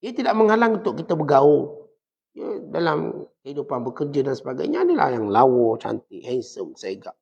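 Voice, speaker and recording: Malaysian male religious teacher, gravelly voice, chatty lecture style, muffled lo-fi recording. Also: mid-range voice, sing-song, normal speed, a little mellow. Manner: conversational, humorous examples, talks to his listeners. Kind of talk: mosque lecture on Sufism.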